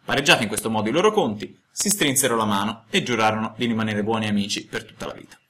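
A man narrating a classic tale as an audiobook, in an expressive storytelling cadence. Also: on the low side, quick pace, slight background noise.

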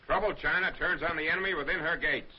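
A man's voice: on the high side, fast talker, over loud music. A man narrating a 1930s newsreel in a declamatory, emphatic announcer's manner, heard from an old newsreel soundtrack. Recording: noisy lo-fi 1930s newsreel audio.

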